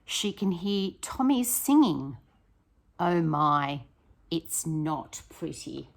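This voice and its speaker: Drawing out her words in a low, slightly husky voice, a woman primary school teacher reads a picture book to children. She's expressive and invites the kids to respond to her questions.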